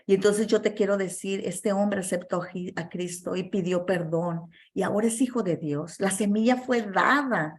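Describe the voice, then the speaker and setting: A woman's voice: mid-range voice, normal speed, few pauses. A woman preaching a sermon and telling a testimony in an earnest, emphatic way, with many fillers and restarts.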